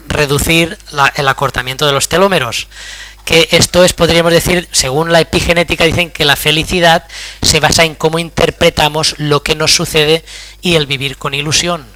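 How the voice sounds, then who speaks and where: A man's voice: a little high, pushed and bright, dry recording. A middle-aged man giving a public lecture, telling personal anecdotes in a conversational way and often checking in with the audience. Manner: conversational storytelling, frequent "¿vale?" check-ins.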